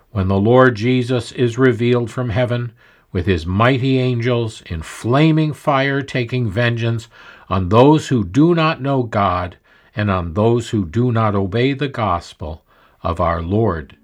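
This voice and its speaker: A man teaching the Bible in a scripted devotional talk, reading scripture with deliberate emphasis. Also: fairly low pitch, soft background music.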